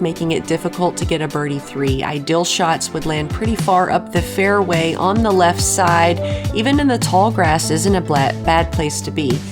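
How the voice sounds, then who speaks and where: Female golf-style commentator for tournament footage, lower register, clear music bed behind the voice. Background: background music.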